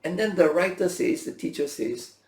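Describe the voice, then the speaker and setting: A man teaches an informal Bible lesson in a roomy, echoing space, talking conversationally, asking rhetorical questions, and checking in with his listeners. He acts out what imagined speakers might say in everyday language, his voice sitting high and animated at a normal speed.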